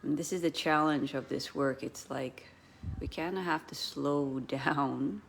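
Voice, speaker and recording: A middle-aged woman, a yoga coach, leading a guided meditation in a gentle, hesitant way with many pauses. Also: low-pitched, creaky, a little hiss or hum.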